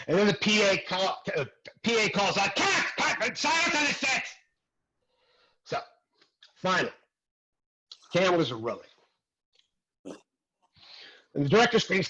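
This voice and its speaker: An actor playing a brash, crude acting teacher in a comic stage monologue. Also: male voice, mid-range voice, slightly rough, dull audio, heavily acted. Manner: crude, animated, swings between mutter and loud outbursts. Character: brash crude male acting teacher, former dead extra.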